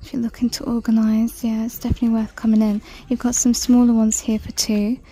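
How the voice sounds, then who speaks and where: A woman chatting through a shopping walk-through in a large store, reading out prices and sometimes dropping to a soft whisper, filmed on a handheld phone. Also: fairly high pitch, flat delivery, a little fast, slightly rough. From United Kingdom. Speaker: shopping vlogger. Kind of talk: casual shop-with-me commentary. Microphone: handheld phone camera.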